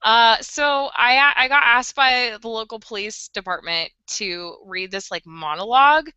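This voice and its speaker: A woman's voice: a little high, a little slow, sharp tone, clean tone, no room sound, lo-fi sound. A young woman co-hosting a podcast in casual chat, giggly and a bit tipsy as she tells stories. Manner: tipsy, giggly, chatty while drinking beer. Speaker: podcast co-host.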